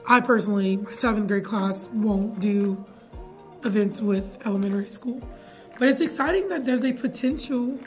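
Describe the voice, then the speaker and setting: A young woman, a teacher chatting casually to camera in her classroom, animated and full of fillers. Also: a little high. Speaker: middle school science teacher. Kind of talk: casual vlog chat. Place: classroom, indoors.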